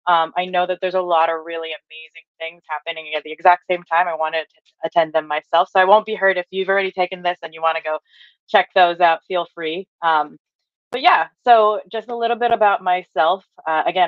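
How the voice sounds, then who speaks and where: A woman's voice: fairly low pitch, fairly even intonation, brisk, no room sound. A woman in her thirties from Hawaii, giving an upbeat online training from a home office and reading out replies from the chat, with many fillers along the way. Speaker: workshop trainer. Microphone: webcam or laptop mic on a video call. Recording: dry, dull lo-fi video call audio.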